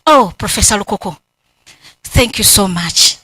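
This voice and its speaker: A Ugandan woman with a Ugandan English accent, giving emotional, animated thanks at her doctoral defense and acting out remembered conversations. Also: mid-range voice, measured pace, slightly rough, no room sound, rough recording. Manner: emotional, grateful, animated storytelling with quoted dialogue. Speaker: PhD candidate. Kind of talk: acknowledgements at a thesis defense. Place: university hall.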